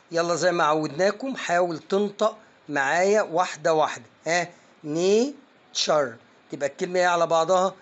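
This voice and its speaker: An Egyptian man with a voice pitched a little high teaches an online pronunciation lesson. He coaxes his viewers along with emphatic urging and sounds out each word slowly, one syllable at a time. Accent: Egyptian Arabic. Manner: emphatic, coaxing, drills words slowly syllable by syllable.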